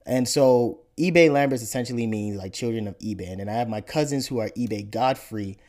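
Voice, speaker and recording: Here a thirty-something Nigerian podcast host walks through his family background during an easygoing interview. His pitch is medium and his pace moderate, and he often circles back on words while thinking.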